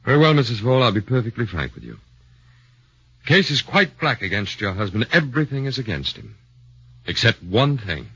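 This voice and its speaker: This muffled recording of a 1940s radio play features a man as a shrewd, middle-aged defense lawyer whose questioning is probing yet measured. It's a full character voice, mid-range and very animated, bright and forceful with a breathy edge.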